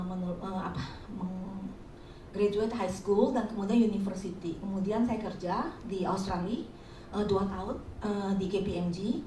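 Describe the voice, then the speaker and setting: A middle-aged woman from Indonesia talks through her experience in a loose, chatty way, often pausing to hunt for words. Her voice sits at an ordinary pitch and comes from some distance from the mic. The room is noticeably echoey, with a faint hiss underneath. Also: a little mellow. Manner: chatty, explaining with frequent hesitations. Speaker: webinar speaker. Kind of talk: informal presentation.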